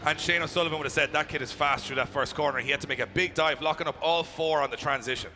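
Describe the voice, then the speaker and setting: Very fast-talking male motorsport commentator. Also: fairly high pitch. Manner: chatty, hyping, emphatic. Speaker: motorsport commentator and event announcer. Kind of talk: live commentary and crowd announcing. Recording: clear engine and outdoor track noise.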